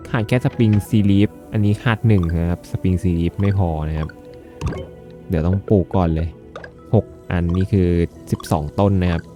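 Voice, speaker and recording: A man's voice: sits low, normal speed, dark tone, faint music behind. A man giving chatty, jokey let's-play commentary with polite sentence endings as he plays a farming game. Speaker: gaming video host.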